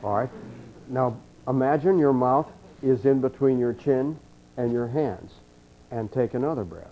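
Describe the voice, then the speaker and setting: An older man teaching a college clinic, telling folksy stories and calmly guiding a group through a breathing exercise. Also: medium pitch, a little slow, slight background noise. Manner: folksy, anecdotal, calm coaching. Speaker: trumpet teacher giving a clinic. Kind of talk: storytelling and leading a breathing exercise. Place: college clinic room with an audience. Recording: dull lo-fi archival recording.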